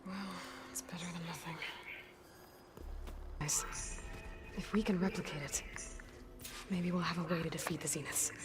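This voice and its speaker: A woman's voice: on the low side, fairly even intonation, normal speed, long pauses, close to an everyday voice. A woman playing a determined, guarded young warrior heroine in a video game, terse and resolute. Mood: focused. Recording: loud game music behind.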